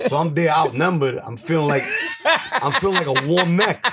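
A man's voice: a little high, expressive, normal speed, fairly bright tone. A man telling a street story in casual podcast chat, acting out both sides and laughing as he goes. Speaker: podcast host.

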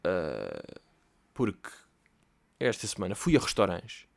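A man's voice: low voice, wildly swooping pitch, slow, vocal fry. A young man with a European Portuguese accent, hosting a casual comedic podcast and rambling through stories with slang and swearing. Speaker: podcast host.

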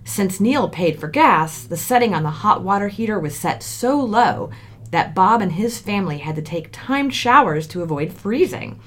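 A woman narrating a story with expressive delivery. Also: mid-range voice, moderate pace. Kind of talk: scripted narration.

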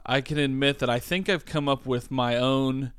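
A man's voice: mid-range voice, fairly even intonation, moderate pace, clear, resonant tone, no echo. A man co-hosting a podcast in casual chat, dry and self-deprecating, with a groggy morning voice. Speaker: podcast co-host.

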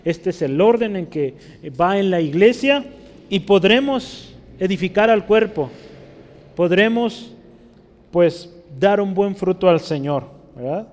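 A male pastor delivers a teaching sermon, his voice pitched a little high. He keeps checking in with the congregation through tag questions. The sound rings with the long reverb of a large church hall. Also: expressive, slow, a little mellow.

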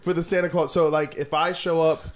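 A man's voice: on the high side, flat delivery, a little fast. An American man in casual comic chat, riffing with slang, swearing and repeated phrases. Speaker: podcast panelist.

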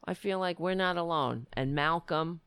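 An American woman with a raspy voice hosting a casual livestream, talking in a blunt, emphatic way and repeating phrases. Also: on the low side, moderate pace, a bit bright, no echo. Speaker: livestream show host. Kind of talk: casual livestream monologue with political commentary.

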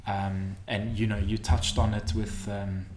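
Deep-voiced lady host asking questions, hesitant, echoey room. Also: flat delivery, measured pace, darkish tone. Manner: hesitant, searching for words. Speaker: interviewer. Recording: echoey room, faint noise.

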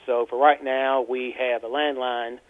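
A man phones in to a talk show over a landline, and his voice comes through tinny and narrow like a phone line. He talks in a rambling, halting way, stopping on fillers as he goes. His voice is mid-pitched and dry, with no room around it. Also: level tone, dry recording. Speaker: caller.

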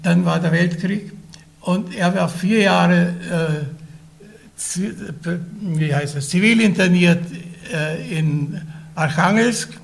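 A high-pitched man in his nineties, raised in Vienna, Austria, and a Russian speaker since childhood, recounts his life for an oral history. He speaks hesitantly, pausing often, restarting and clearing his throat, with many fillers.

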